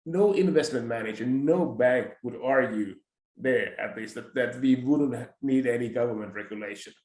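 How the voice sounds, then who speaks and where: A man, hosting a discussion and calmly pushing back on his guest's view. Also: medium pitch. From Finland. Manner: measured, pushes back politely. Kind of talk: conversational discussion. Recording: roomy echoing audio.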